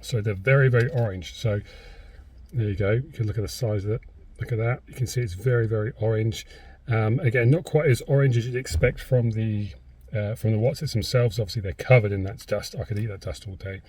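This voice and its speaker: A British man with a slightly husky voice gives a casual, rambling food review to camera, hesitating as he goes, recorded inside a car. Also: lowish voice, a little fast, a little mellow.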